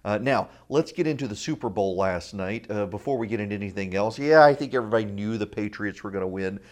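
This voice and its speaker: A man's voice: lowish voice, fast talker, darkish tone. A man hosting a radio talk show with opinionated, informal commentary and dry asides, speaking on a lav mic in an echoey, untreated room. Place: indoor room at a college without sound paneling. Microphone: lavalier.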